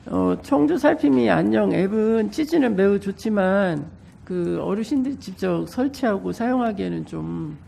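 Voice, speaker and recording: Female councillor, congested with a cold, heavy fry in a dark tone, measured and courteous formal questioning. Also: medium pitch, expressive. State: stuffy nose from a cold. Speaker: council committee member asking questions.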